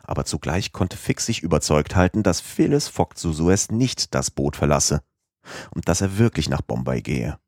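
A man with a very deep voice reads an old classic novel aloud. His delivery is measured and literary, and the recording is close and dry with no room sound. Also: expressive, darkish tone, no room sound. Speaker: audiobook reader. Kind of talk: scripted narration.

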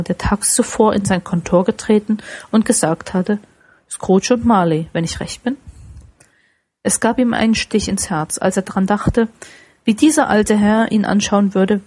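A woman reads a classic tale as an audiobook, steady and expressive. Her mid-pitched voice has a slightly husky, breathy edge.

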